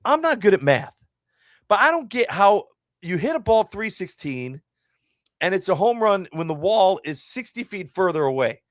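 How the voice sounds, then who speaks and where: A man's voice: big pitch swings, moderate pace, fairly bright tone, no room sound, studio quality. A young man co-hosting a sports podcast, telling stories in exasperated casual chat. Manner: exasperated storytelling, swings up in pitch. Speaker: podcast co-host.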